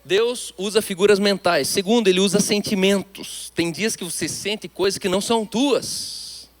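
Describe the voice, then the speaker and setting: In an emphatic sermon, a high-pitched pastor with a Brazilian Portuguese accent preaches at a moderate pace. He alternates between loud declarations and quiet asides.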